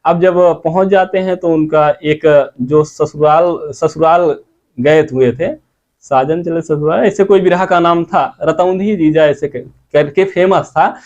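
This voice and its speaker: High-voiced male teacher explaining grammar. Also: darkish tone. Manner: asks questions and answers them himself, drawn-out sung examples. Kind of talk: classroom grammar lesson. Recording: dull lo-fi recording.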